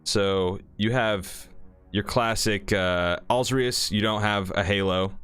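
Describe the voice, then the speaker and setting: Slow, deep-voiced man running the game. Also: steady tone, fairly bright tone, clear, resonant tone, soft background music. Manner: loose, rambling description full of fillers. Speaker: dungeon master. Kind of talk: narrating a tabletop game.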